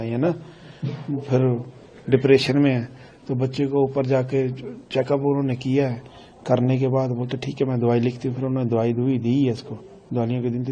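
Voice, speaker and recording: A middle-aged man from Himachal Pradesh, a grieving father, recounting events in a news interview in a halting, repetitive way, often quoting what his family said. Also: medium pitch, mellow, dull audio, a little hiss or hum. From Himachal Pradesh, India. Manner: repetitive, halting storytelling that quotes family dialogue.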